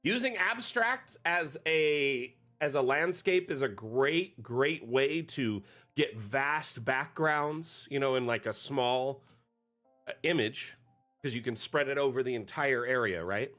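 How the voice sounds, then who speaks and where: A man's voice: mid-range voice, lively intonation, slow pace, fairly bright tone, soft background music. Chatty man hosting a map livestream. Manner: rambling, chatty, many fillers. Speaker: community manager hosting a livestream. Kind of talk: casual livestream commentary.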